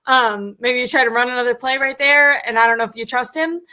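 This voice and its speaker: A woman's voice: a little high, steady tone, brisk, sharp tone. A woman hosting a casual live-streamed sports talk show, reading stats with lots of fillers. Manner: chatty, many fillers, reads stats aloud. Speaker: sports podcast host.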